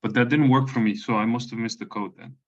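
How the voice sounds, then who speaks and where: A man asking questions on a video call, halting and full of fillers. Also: mid-range voice, steady tone. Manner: halting, many likes and ums. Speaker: caller. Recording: dull lo-fi call audio.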